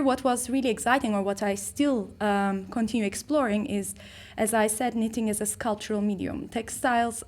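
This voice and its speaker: A woman's voice: fairly high pitch, darkish tone. A woman from Turkey, an artist and researcher giving a conference talk, speaking hesitantly with many fillers and restarts.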